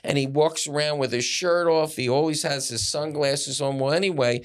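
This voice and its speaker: A man's voice: fairly high pitch, moderate pace. A man co-hosting a podcast in casual chat, opinionated and blunt with his questions. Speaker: podcast co-host.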